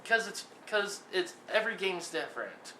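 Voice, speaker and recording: Argumentative young male co-host, higher voice, roomy sound. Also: very animated, moderate pace, bright, forceful tone. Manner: argumentative, repeats himself when starting a point. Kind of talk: mock sports talk show debate. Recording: echoey room with faint hiss.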